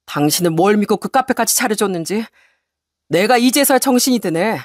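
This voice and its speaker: Lady doing a cold husband, calm and firm, slow and flat, dry sound. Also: medium pitch, no room sound, natural voice. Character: cold, resolute middle-aged husband. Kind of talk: story radio reading.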